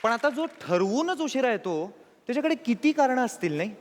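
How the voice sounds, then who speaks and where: A male show host with a lively, animated voice that sits high for a man, teasing contestants and firing up the audience. He sounds far off in a reverberant hall, with a loud crowd and clear background noise. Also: fairly quick. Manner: playful, teasing, hyping the crowd. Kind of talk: talent show hosting.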